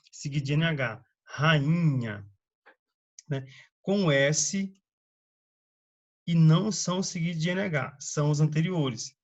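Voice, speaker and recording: A man from Brazil, slowly giving a grammar lesson and reading out word lists with frequent checks on the listener. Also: a little high, breathy edge, muffled recording. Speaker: teacher. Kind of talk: slow spoken grammar lesson.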